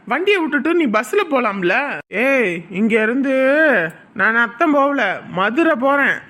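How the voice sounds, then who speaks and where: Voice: medium pitch, pushed and bright. A performer playing a jealous, complaining young man who bickers with his brother and mother in a family comedy sketch. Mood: arguing. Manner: whiny, bickering, quick to blame.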